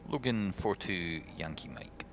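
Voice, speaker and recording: A man's voice: deep voice, animated, unhurried. A man playing pilot, making radio calls into a cockpit headset microphone in methodical, clipped callouts. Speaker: pilot in a flight simulator. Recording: dull lo-fi mic with clear noise.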